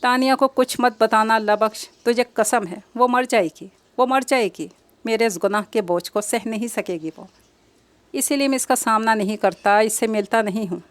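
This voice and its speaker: A woman's voice: on the high side, dry recording, lightly acted. Woman voicing a guilt-ridden grieving young man. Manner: anguished, pleading.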